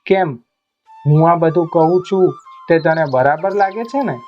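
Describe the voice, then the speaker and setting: A proud young devotee barks his orders in a brusque, commanding voice, as a male storyteller plays him. The voice sits fairly high. It comes through a dull, lo-fi recording with soft music playing underneath. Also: unhurried, lightly acted. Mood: stern.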